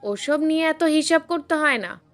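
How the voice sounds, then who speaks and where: A woman's voice: high-pitched, lively intonation, normal speed, faint music behind, pitched above the performer's own voice. A woman playing a scornful older mother-in-law. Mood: dismissive. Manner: sharp, accusing and dismissive.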